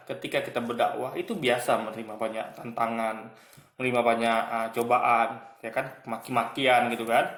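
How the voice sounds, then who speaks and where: A man's voice: mid-range voice, creaky, a bit bright. Argumentative man commenting in an echoey room. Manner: argumentative, mocking, repeats "guys" and "gitu kan". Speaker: online commentator. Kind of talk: casual commentary monologue.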